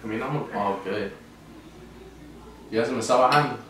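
A man's voice: medium pitch, moderate pace. A young man chatting casually in a teasing, boastful way during a food challenge. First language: bilingual English and Spanish. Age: young adult. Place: small bedroom, sitting on a bed. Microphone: camera a few feet away. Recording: very echoey bedroom, distant mic, faint noise.

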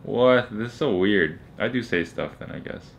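A man's voice: fairly low pitch, expressive, normal speed, gravelly, a little hiss or hum. A young man talking casually to camera as a vlogger. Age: young adult. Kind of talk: casual vlog chat.

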